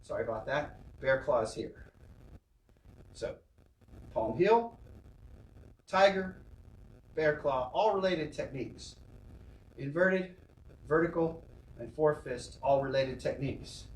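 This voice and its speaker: A man's voice: a little high, lively intonation, slow, pauses often, echoey room, far from the mic, low-quality recording. A man teaching a karate class, encouraging and explaining step by step with frequent check-ins. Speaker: karate instructor. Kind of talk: online class instruction.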